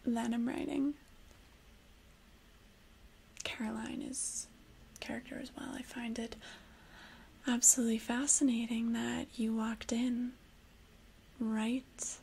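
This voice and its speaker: Woman acting a hushed, creaky, obsessive librarian in whispered role-play. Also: on the high side, level tone, a little hiss or hum, poor audio. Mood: intimate, explaining. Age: young adult. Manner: hushed, slow, intimate librarian whisper with pauses. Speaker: ASMR performer playing a librarian.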